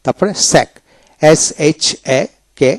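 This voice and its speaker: A male teacher drills vocabulary in a video lecture, spelling each word out letter by letter and saying it twice over at an unhurried pace. His voice sits slightly high for a man. The sound is dry and close. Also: a little mellow, no room sound. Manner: slow and drilling, spells words letter by letter and repeats them. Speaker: English teacher.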